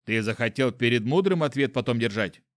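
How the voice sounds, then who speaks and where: A man voicing a stern, calm male guard who gives firm orders. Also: medium pitch, fairly quick, no echo, studio quality, natural voice.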